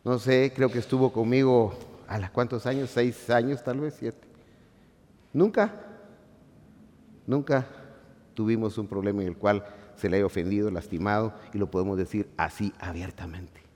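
A middle-aged man preaching a sermon, shifting between quiet asides and loud, emphatic lines while calling his listeners brothers. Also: on the low side, normal speed, long pauses. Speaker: pastor. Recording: long hall reverb.

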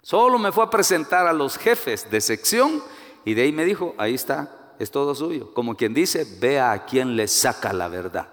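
A long reverb tail follows a Guatemalan man as he preaches at a medium pitch and moderate pace, his Guatemalan Spanish accent clear. He tells personal stories, acts out the voices he quotes, and rises animatedly to emphatic peaks.

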